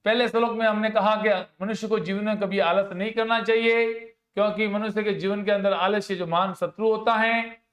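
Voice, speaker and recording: A male teacher explaining Sanskrit verses to children. He talks slowly and keeps asking the class questions, then answers them himself. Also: sits high, steady tone, a bit bright. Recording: echoey room.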